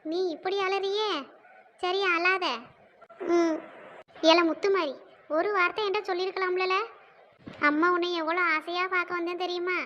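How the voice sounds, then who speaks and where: A woman's voice: very high voice, fairly even intonation, normal speed, long pauses, bright, forceful tone, dull audio, a little hiss or hum. A woman voicing a bossy, protective old village mother in a cartoon, speaking in a southern Tamil village dialect. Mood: soothing. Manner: bossy, scolding, then soothing. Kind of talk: cartoon dialogue.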